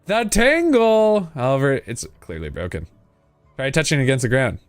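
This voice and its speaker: A man's voice: medium pitch, expressive, brisk, no room sound, soft background music. A man giving a casual, playful game playthrough, reading text aloud and muttering asides to himself. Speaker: gaming video host.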